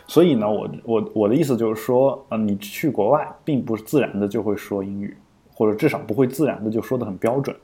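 A man's voice: lowish voice, a little fast, warm tone. A man co-hosting a podcast in casual explanatory chat, thinking aloud with frequent fillers and restarts. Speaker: podcast co-host.

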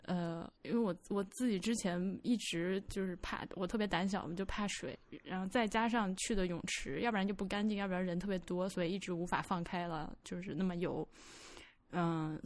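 A woman co-hosting a casual podcast, her voice sitting a little low. She chats freely and tells her own stories with a self-deprecating humor. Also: a little fast. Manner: chatty, self-deprecating, animated storytelling. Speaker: podcast co-host. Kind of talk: casual chat.

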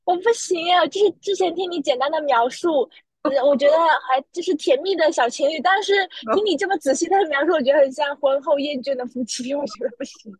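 A woman's voice: high voice, dry recording, rough recording. A woman co-hosting a casual podcast chat while driving home, reacting with teasing comments. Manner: reactive, teasing, quick to interject. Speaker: podcast co-host.

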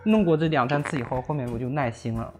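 A man who is a guest on a casual podcast chat, telling lively stories and acting out what he said. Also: mid-range voice, fast, faint music behind. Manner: animated storyteller, acts out his own lines; laughs while telling stories.

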